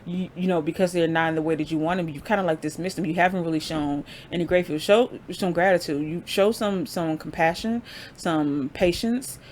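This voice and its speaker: A woman's voice: fairly low pitch, brisk, a little mellow, a little hiss or hum. A woman giving a casual pick-a-card tarot reading, conversational and informal, laughing often as she talks. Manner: informal slang, frequent fillers. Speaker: tarot reader.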